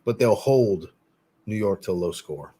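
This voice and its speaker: Unhurried and animated, a man with a warm, lowish, slightly rough voice hosts a live stream full of casual chat. He rambles, speaks bluntly with some mild swearing, and frequently starts over or repeats himself.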